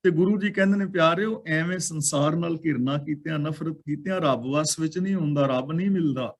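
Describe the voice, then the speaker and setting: A man explaining scripture. He recites each verse line slowly and drawn out, then explains it word by word. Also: fairly high pitch. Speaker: scripture teacher.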